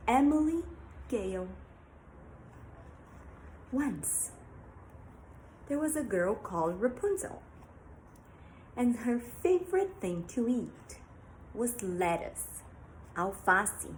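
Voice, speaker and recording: Slow, sing-song woman storyteller. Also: mid-range voice, very animated, darkish tone, slight background noise, low-quality recording. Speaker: storyteller for young learners. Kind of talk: children's storytelling.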